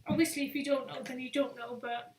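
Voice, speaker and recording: Chatty high-voiced woman, echoey. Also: steady tone, a little mellow. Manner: chatty, rambling, reads questions out slowly and repeats them. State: tired, yawning. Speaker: quiz host on a live stream. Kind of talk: casual live-stream chat. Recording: echoey room sound.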